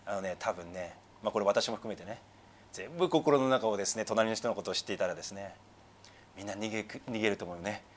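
A man preaching a sermon in a church as pastor, stretching key words slowly for emphasis and dropping to a hushed voice, then praying in a quiet tone. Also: slight background noise. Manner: lowered, quiet tone when praying. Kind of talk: sermon with congregational prayer.

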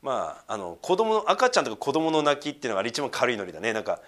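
A man preaching a sermon as pastor, talking conversationally with questions to his listeners and swinging from emphatic lines to hushed, near-whispered asides. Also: mid-range voice, very animated, fast talker.

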